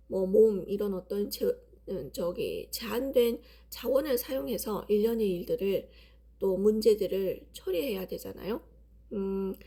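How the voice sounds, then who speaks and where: A woman in her thirties talks casually to camera about a book she is sharing, pausing often with fillers as she thinks aloud. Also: medium pitch, dark tone, husky. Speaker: book reviewer. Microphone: camera mic.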